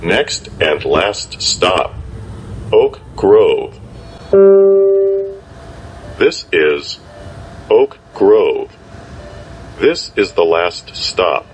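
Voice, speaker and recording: A man giving recorded train and station announcements in a measured, formal way. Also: big pitch swings, loud music behind the voice. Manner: measured, formal, evenly spaced phrases. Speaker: transit announcer. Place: on subway trains and platforms. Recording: announcements captured over rumbling train noise.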